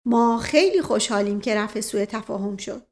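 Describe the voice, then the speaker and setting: A woman's voice: medium pitch, natural voice. A woman voicing a self-important older aristocratic uncle in an audiobook, speaking with a loaded, meaningful tone. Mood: reassuring.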